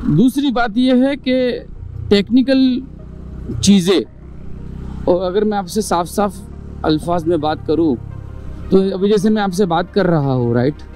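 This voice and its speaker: A man's voice: high-pitched, a little slow, pauses often, dark tone, soft background music. A young man talking casually to camera as a motovlogger, explaining his points one by one with rhetorical questions. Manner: explains in numbered points, mixing English words; chatty, asks rhetorical questions.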